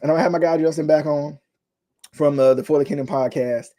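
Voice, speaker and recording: A man's voice: a little high, steady tone, quick pace, warm tone. A young man hosting a casual sports talk show, ranting in frustration, repeating himself and addressing viewers as y'all. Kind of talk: casual sports commentary vlog.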